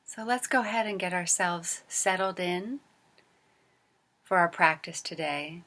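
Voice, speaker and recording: A meditation teacher guides a body scan, her voice on the low side. She speaks gently and without hurry, leaving long pauses and letting phrases end softly and breathily.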